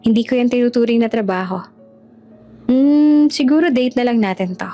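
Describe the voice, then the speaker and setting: A woman's voice: fairly high pitch, normal speed, warm tone, soft background music, lightly acted. Woman doing an earnest young boss. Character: young man, reformed charming boss.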